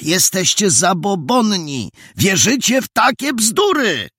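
A tense young athletic foreman, as a male narrator puts him on, raising his voice high and pleading with insistence. The tone is husky and dry, close to the mic. This is a spoken storybook scene. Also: big pitch swings, takes it slowly, bright, forceful tone, dry recording, full character voice. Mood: urgent.

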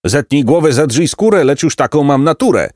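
A man's voice: fairly high pitch, animated, a little fast, a little mellow, no echo, clean studio sound, voice pushed up, close to an everyday voice. A man voicing a comical robber who answers in sing-song rhymes. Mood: cheeky. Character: funny male robber who speaks in rhymes.

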